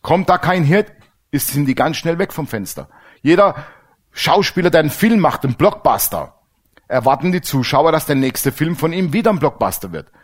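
Middle-aged male pastor, animated sermon delivery, acts out conversations. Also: on the high side, normal speed. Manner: lively preaching, acts out dialogues.

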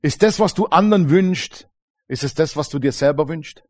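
Lively German-speaking man preaching. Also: on the high side, moderate pace. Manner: lively, colloquial preaching with acted-out dialogues and frequent "Amen". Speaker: pastor. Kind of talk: sermon. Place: church congregation.

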